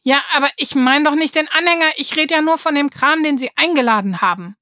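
A woman putting on a grumpy hardware store man in a children's story, scolding fast and a bit louder than the narration. Dry, close reading. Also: high voice, dry recording, voice pushed up. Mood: flustered. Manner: scolding, flustered.

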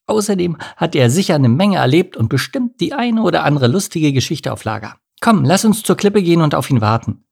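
An eager, chatterbox seagull girl with a bright, bouncing voice that swoops high, as a male storyteller puts her on. She sounds bossy in a friendly way, with a husky, gravelly edge beneath the lift. It is a cosy children's storybook reading. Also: very animated, heavily acted. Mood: excited. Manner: bubbly, bossy and quick to plan.

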